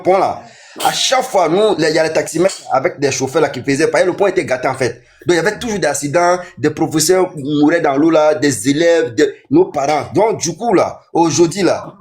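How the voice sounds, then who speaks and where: A man with an Ivorian French accent, a taxi driver arguing in a casual street debate, excitable and prone to repeating himself. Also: on the high side. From Côte d'Ivoire.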